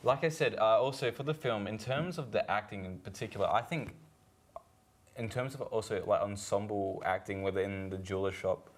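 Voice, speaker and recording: A man's voice: fairly low pitch, moderate pace. A man co-hosting a film podcast, talking casually and rambling with many fillers and restarts. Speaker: podcast co-host.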